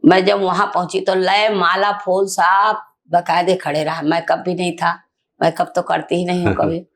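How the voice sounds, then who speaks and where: An older woman activist telling a story in an interview, animated and indignant, acting out the dialogue. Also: lowish voice, normal speed. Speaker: activist guest.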